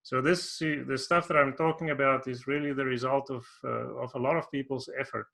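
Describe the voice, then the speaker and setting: A South African man giving an online workshop talk, unhurried and hesitant, with many ums and restarts. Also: mid-range voice, steady tone, creaky, sharp tone. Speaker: workshop presenter. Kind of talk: conference presentation.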